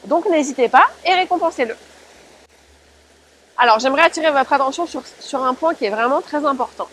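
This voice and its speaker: A woman's voice: high voice, a little fast, a bit bright, poor audio. A woman giving an informal spoken tutorial as a dog-training presenter, explaining step by step and addressing listeners directly.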